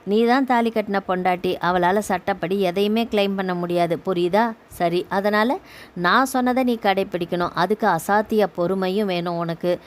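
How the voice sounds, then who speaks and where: A woman's voice: mid-range voice, normal speed, lightly acted. A woman narrator voicing a scheming older male relative who coaches his kinswoman in a persuasive, lecturing way. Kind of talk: audio novel reading.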